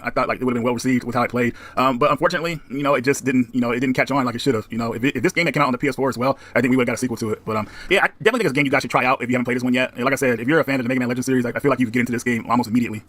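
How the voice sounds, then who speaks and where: A man's voice: mid-range voice, rapid-fire, few pauses, fairly bright tone. A man giving casual vlog commentary as he reviews a game collection.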